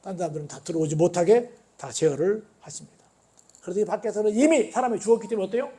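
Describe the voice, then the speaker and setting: A male pastor preaching a sermon, calling out to the congregation and swinging from near-quiet to loud. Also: high-pitched, fast talker. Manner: call-and-response preaching, dramatic swings in loudness.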